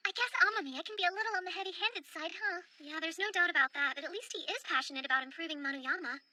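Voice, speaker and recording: An earnest, eager young anime heroine in overacted English dub style. Her voice is extremely high and very bright, quick and emphatic. She speaks politely and insistently, as if making her case. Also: no room sound, exaggerated voice. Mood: determined. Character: earnest, eager young woman leading small-town tourism revival.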